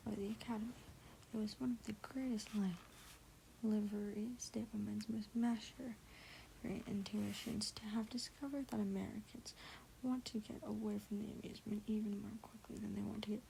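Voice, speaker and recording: Woman for a whispered ASMR reading of a novel: mellow, gently fried tone, trips over words and makes chatty side remarks. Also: medium pitch, creaky, slight background noise, low-quality recording. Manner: soft whisper, stumbles and corrects herself, chatty asides. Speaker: ASMR book reader.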